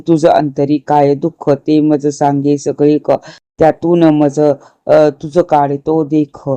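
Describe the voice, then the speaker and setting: A man's voice: fairly high pitch, level tone, takes it slowly, smooth, dry recording. A man reciting as a kindly consoling god. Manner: gentle, reassuring chanted verse. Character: compassionate supreme god consoling a devotee, male. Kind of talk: devotional scripture recitation.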